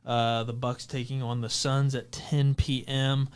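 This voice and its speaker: A man with a smooth, resonant voice talks through upcoming basketball games. He goes through dates and matchups, stopping often on small fillers, in a relaxed podcast chat. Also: medium pitch, measured pace. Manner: runs through game schedules with fillers. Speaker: podcast co-host. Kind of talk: casual sports chat.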